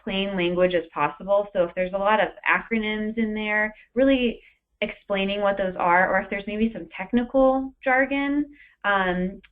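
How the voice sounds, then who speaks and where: A woman trainer coaching a trainee over a call, relaxed and full of little fillers as she explains. Her voice comes through a thin, tinny phone line. She sits at a middle pitch. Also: moderate pace. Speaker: webinar presenter and trainer. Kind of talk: training webinar, coaching and mock interview.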